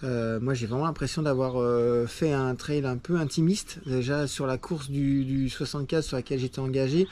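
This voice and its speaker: A man's voice: medium pitch, fairly even intonation, moderate pace, a little mellow, a little hiss or hum. Casual male trail-running vlogger, rambling delivery full of fillers, outdoor handheld recording. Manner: chatty, rambling with many fillers. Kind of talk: casual vlog chat. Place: outdoors after a race.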